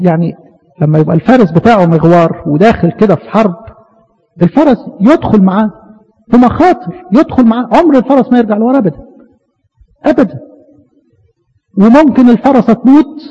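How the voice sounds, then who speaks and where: A man with an Egyptian Arabic accent preaching a fervent sermon, asking his listeners questions and slowing down to quote scripture. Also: sits high, warm tone, breathy edge, big-room sound, muffled recording.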